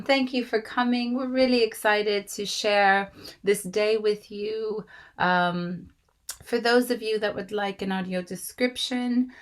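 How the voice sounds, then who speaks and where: A woman in her thirties hosts an online meeting over a video call, warmly and graciously welcoming guests while rambling with plenty of fillers. Her mid-range voice is slightly raspy from a cold.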